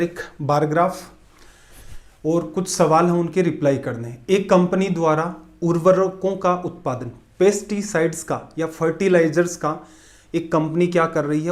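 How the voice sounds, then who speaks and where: High voiced guy teaching exam math, asks stuff and answers it himself. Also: darkish tone. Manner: asks questions and answers them himself, emphatic repetition. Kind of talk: exam-prep math lesson.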